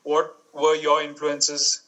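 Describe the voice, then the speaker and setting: Bright-voiced host. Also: male voice, on the high side, monotone, takes it slowly, low-quality recording. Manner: hesitant, explaining with fillers. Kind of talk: casual group conversation.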